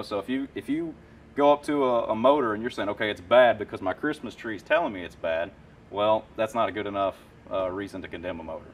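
A low-voiced man in his thirties, an HVAC technician, describes his tools in loose, enthusiastic shop talk with many fillers. He's standing in a warehouse parts room full of shelves. The mic is far off, leaving slight hiss or hum.

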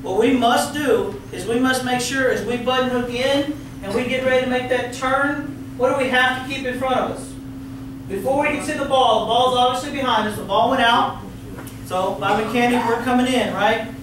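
A man's voice: very high voice, steady tone, normal speed, background noise. A middle-aged man with a Texan accent giving a training lecture to umpires in a large meeting room, coaching, asking the room questions and cracking folksy jokes. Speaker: umpire clinic presenter. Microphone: far room camera, no mic seen. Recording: very echoey room from far off.

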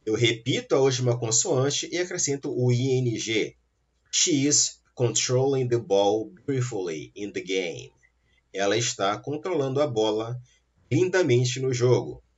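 With lively intonation and a slightly rough mid-range voice, a male English teacher works through a language lesson, slowly and carefully spelling out letters. The recording sounds dull and lo-fi.

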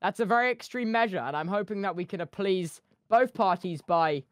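A man's voice: high-pitched, lively intonation, fairly quick, smooth, no echo, clean studio sound. A young man refereeing an argument in gaming role-play, officiously calling for order. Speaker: player acting as presiding leader in a mock trial.

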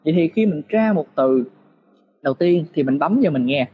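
A man's voice: on the high side, animated, normal speed, slightly rough, dull audio. A man teaching, patiently walking through a screen-share tutorial step by step and posing rhetorical questions to his students. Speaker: English teacher.

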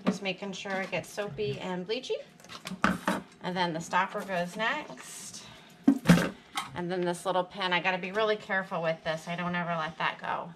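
A homesteader with a fairly low-pitched voice talks at a normal speed while working at her kitchen sink, explaining her routine step by step in a plain, practical way with some fillers. A camera mounted above the sink records her casual how-to narration, with running water audible behind.

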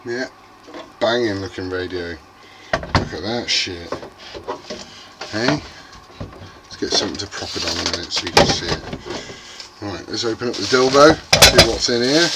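A middle-aged British vlog host, his voice lowish and animated at a normal speed with long pauses, unboxes CB radio equipment in a small indoor radio workshop. Unscripted and casual, he jokes, swears and mutters to himself, while the noisy room carries loud background noise and clicks.

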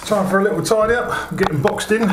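Talking through a bathroom DIY project, this middle-aged vlogger speaks fast in a high-pitched voice, with loud music playing behind him. His manner is chatty and practical, full of fillers as he reasons out loud. The action-camera audio picks up the echo of the small tiled room and some faint noise.

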